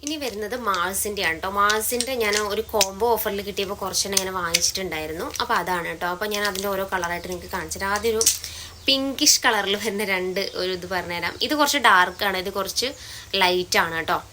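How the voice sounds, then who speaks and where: A woman's voice: medium pitch, quick pace, noisy background. A woman with a Malayali accent showing her collection in a casual, chatty vlog, tagging her sentences with little asides. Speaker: beauty vlogger. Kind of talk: casual product showcase.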